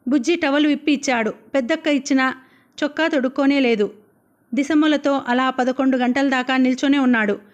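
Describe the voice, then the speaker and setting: High-voiced woman reading a novel. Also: steady tone, brisk, highs cut off. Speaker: audiobook narrator.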